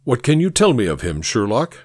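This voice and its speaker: A man voicing a fat, genial, pompous older gentleman with a booming, patronizing lecturer's delivery in an audiobook reading. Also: wildly swooping pitch, fairly quick, no echo, clean studio sound. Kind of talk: audiobook character voice.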